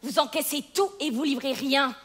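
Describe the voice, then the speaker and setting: A woman's voice: high voice, moderate pace, a bit bright. A woman playing an angry tenant in a stage comedy sketch, indignant and confrontational.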